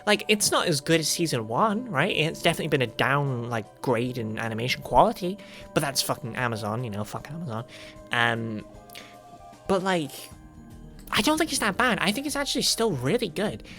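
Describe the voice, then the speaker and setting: A woman streamer chatting casually about a show she loves, excitable and swearing constantly. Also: deep voice, normal speed, soft background music. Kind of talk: casual chat.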